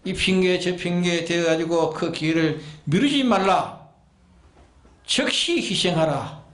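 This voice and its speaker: Male pastor, high pitch, preaching in a reverberant sanctuary, drives home repeated commands and rhetorical questions. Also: slow pace, a bit bright. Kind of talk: sermon. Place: church sanctuary.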